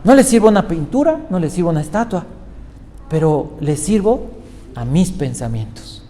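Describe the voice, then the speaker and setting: A man preaching a sermon as pastor, animated and asking the congregation questions. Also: fairly high pitch, normal speed. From Mexico. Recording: reverberant hall with faint noise.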